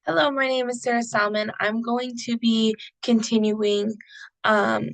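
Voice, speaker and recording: A woman's voice: a little high, steady tone, a little slow, creaky, a bit bright, no room sound, low-quality recording. Young woman, student presenter, hesitant delivery, dry close recording. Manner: hesitant, many fillers. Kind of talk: class presentation.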